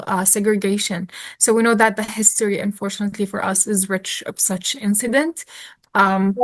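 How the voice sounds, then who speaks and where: A woman's voice: medium pitch, dry recording. A woman, answering interview questions earnestly, thinking aloud with fillers and restarts. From Jordan. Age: 20s. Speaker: interview guest, activist.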